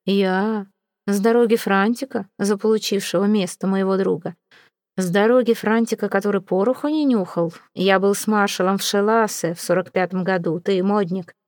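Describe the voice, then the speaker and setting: A woman voicing a drunk, belligerent male army lieutenant in an audiobook, speaking slowly and with contempt. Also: mid-range voice, fairly even intonation, a little mellow, no echo, clean studio sound, close to an everyday voice. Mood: taunting. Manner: slow, taunting, contemptuous. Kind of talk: audiobook character reading.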